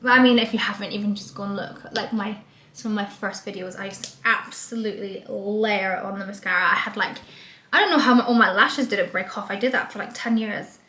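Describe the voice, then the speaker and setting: A young woman from Scotland vlogs casually in a small indoor room, the camera close in front of her, chatting in a bubbly, rambling way full of "like" and "um." Her English accent carries a light Scottish trace, and her mid-range voice is a little fast, pushed and bright. The sound is roomy with a little hiss or hum.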